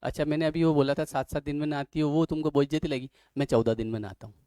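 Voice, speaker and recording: A man teaching an English vocabulary class, teasing his students and reading definitions out slowly. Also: a little high, steady tone, warm tone, dry recording. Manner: joking, teasing students between word lists. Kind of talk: online class lecture.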